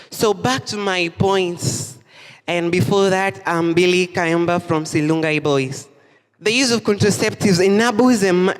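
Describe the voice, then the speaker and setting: A man's voice: high-pitched, fairly bright tone. A Kenyan teenage boy giving an emphatic, rhetorical debate speech as a student debater. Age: late teens. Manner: emphatic, rhetorical, urges the audience to imagine. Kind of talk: formal competitive debate speech. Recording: reverberant school hall.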